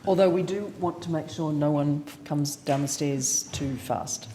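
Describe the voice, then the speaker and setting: Low-voiced woman official, easygoing. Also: unhurried, mellow, a little hiss or hum. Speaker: department official. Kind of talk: formal testimony.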